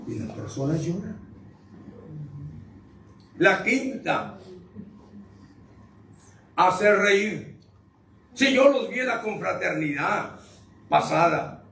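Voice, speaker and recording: A preacher delivers a sermon in a high, bright voice, teasing the congregation and throwing questions at them. He sounds a bit far from the mic, his voice bouncing around a reverberant church with faint noise underneath. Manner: joking, questions the congregation directly. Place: church sanctuary. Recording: echoey room, distant mic, faint noise.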